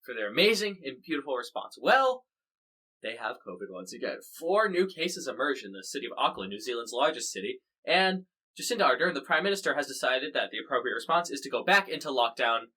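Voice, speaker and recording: A man's voice: mid-range voice, big pitch swings, brisk, pushed and bright, low-quality recording. An American man hosting a podcast, covering the news in casual, wry chat full of fillers and restarts. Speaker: podcast host.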